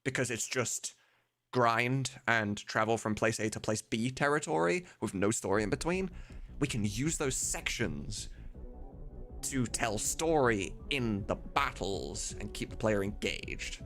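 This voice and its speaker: A man streams live with music playing behind him, musing out loud in a relaxed, enthusiastic way, stressing points and swearing a little. He directs voices for a game mod and streams, and his mid-range voice is expressive, slightly bright, and a touch slow.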